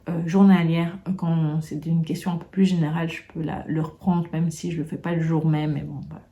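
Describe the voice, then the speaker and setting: A woman's voice: fairly low pitch, warm tone. A woman chatting casually in a monthly vlog wrap-up, hesitant and full of fillers and restarts. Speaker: booktube vlogger.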